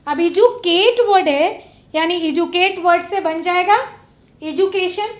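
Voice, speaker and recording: A woman with a very high voice leads a classroom lesson. She questions her pupils and lingers over each example word. The room around her echoes. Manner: slow, drawn-out stress on example words; asks pupils questions and waits. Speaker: teacher. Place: studio classroom.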